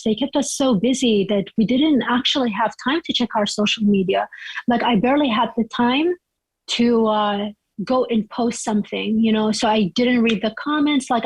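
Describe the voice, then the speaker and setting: A woman's voice: a little high, a little mellow, breathy edge, no echo, low-quality recording. A young woman from Iraq, chatting as an interview guest and telling her story loosely, with lots of "like" and "you know.".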